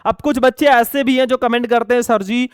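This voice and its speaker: A young man teaching an exam lesson loudly, almost shouting as he goes through multiple-choice questions and calls the students kids and brothers. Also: very high voice, fairly even intonation, quick pace, clear, resonant tone, dry recording, studio quality. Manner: loud, near-shouting delivery; addresses students as bachelon and bhaiya.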